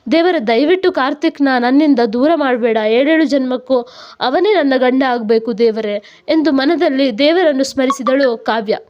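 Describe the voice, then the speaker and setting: A woman narrates a romantic story in a high, clear-pitched voice, carrying every character's lines with only light changes between them. The recording sounds a little dull and lo-fi. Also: moderate pace. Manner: reads all characters' lines herself with small voice changes. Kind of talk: storybook narration with acted dialogue.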